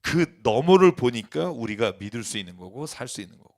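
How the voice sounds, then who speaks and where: Impassioned Korean pastor preaching. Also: male voice, very animated, fairly quick. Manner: impassioned, swings from loud emphatic peaks to soft low asides; colloquial and blunt. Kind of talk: sermon. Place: church.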